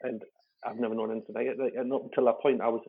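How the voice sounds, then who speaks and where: A man rattles through a candid, rambling story, his husky, gravelly voice staying flat in pitch. He swears freely and restarts his sentences often. The audio is lo-fi and thin, like a phone line. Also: racing. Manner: rambling, with frequent fillers and restarts; swears freely and laughs while talking. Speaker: stand-up comedian guest.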